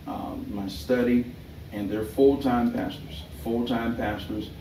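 A middle-aged man giving a thesis defense presentation in a hesitant, halting way, often rephrasing himself. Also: fairly low pitch, mellow. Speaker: doctoral candidate and pastor. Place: small indoor meeting room. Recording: roomy, distant mic with background noise.

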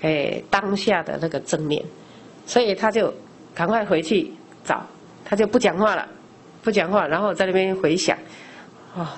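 Middle-aged woman lay teacher, slightly low voice, conversational Dharma lecture full of rhetorical questions; faint background noise. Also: normal speed, pauses often. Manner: explains by asking rhetorical questions and answering them; frequent discourse particles, conversational teaching.

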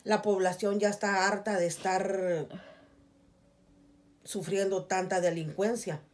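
Speaking slowly in a medium-pitched, darkish voice with a level tone, this middle-aged woman from Guatemala earnestly begs her viewers, saying "please, guys" again and again. It's a casual vlog shot in a small indoor room with curtains, the camera facing her, and her accent is Guatemalan Spanish.

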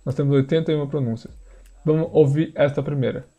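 Male teacher, slightly high, mellow, patient explainer, faint music under the voice. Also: steady tone. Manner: explanatory, repeats words slowly for learners. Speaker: language teacher. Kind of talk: screen-share pronunciation lesson.

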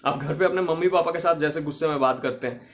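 A man's voice: fairly high pitch, fast. A man teaching acting in a casual, chatty way, laughing often and acting out sample lines.

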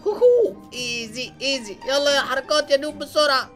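A young man with an Egyptian Arabic accent hosting an excited let's-play commentary, dropping English exclamations as he plays. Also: extremely high pitch, brisk. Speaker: gaming channel host. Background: faint background music.

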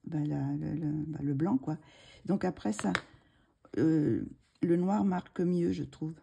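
Here a woman talks slowly in a low, creaky, mellow voice, with a faint hiss or hum in the recording. It's casual tutorial talk while she colors: hesitant, packed with fillers and restarts, with murmured asides as she works and a slight frog in her throat.

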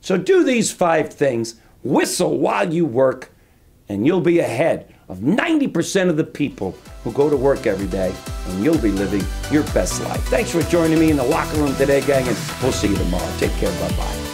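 A man's voice: mid-range voice, moderate pace, faint music behind. A man in his fifties giving an upbeat motivational talk to camera in a book-lined study. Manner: upbeat, animated, gesturing. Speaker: motivational coach. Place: indoor study with bookshelves.

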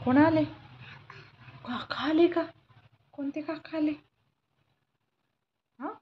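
A woman's voice: high-pitched, slow pace, highs cut off. A young woman chatting playfully with a toddler in a home vlog, coaxing and teasing in a sing-song baby-talk voice. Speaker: vlogger.

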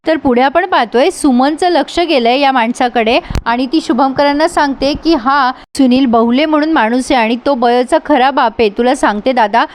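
A woman retells a TV serial episode in a casual, chatty way. She speaks straight to her viewers and adds her own comments. Her voice sits high. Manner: chatty, addresses viewers directly, comments on the plot. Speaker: serial recap vlogger.

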